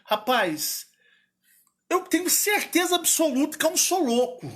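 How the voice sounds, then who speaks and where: A man from Minas Gerais with a Minas Gerais accent, hosting a casual chat in an animated, playful, rambling way. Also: very high-pitched, a little slow. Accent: Minas Gerais Portuguese. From Minas Gerais, Brazil. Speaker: channel host.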